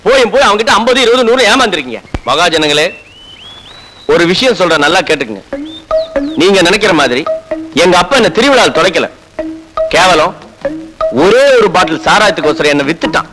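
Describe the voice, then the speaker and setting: A man's voice: sits high, lively intonation, fairly quick, pauses often, over music, low-quality recording. An actor playing a cheeky young village man who mocks the villagers in a film comedy. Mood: defiant. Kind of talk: 1990s Tamil film comedy acting.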